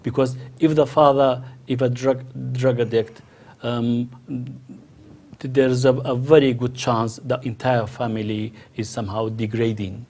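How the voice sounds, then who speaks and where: A man's voice: mid-range voice, level tone, measured pace, a little mellow. A middle-aged man from the Kurdish region of Iraq, speaking as a panel guest in a hesitant way, with many restarts and fillers. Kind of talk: panel discussion.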